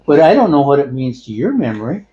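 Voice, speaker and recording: An older man in casual elderly couple banter, speaking haltingly and repeating words with emphatic swings. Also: medium pitch, sing-song, dark tone, highs cut off. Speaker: co-host in a couple's discussion. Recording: noticeable background room noise.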